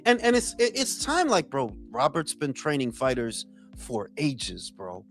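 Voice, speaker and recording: A man's voice: medium pitch, huge pitch swings, a little slow, soft background music. A man leading a casual boxing discussion in a slangy way, repeating phrases for emphasis. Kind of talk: casual chat.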